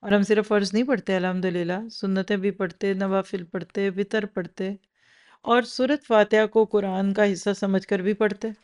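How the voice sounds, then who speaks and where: A woman's voice: mid-range voice, normal speed. Woman teaching a Quran lecture. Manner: rhetorical questions to the audience, lively teaching. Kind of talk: religious lecture.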